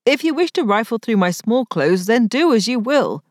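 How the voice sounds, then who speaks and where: Play a wry young viscount, voiced by a woman narrator, formal and teasing in an old-fashioned storybook way. Let the lines swing widely in pitch, and keep the sound close and dry. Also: very animated, moderate pace, no room sound. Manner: formal period speech, rising to a strained high pitch.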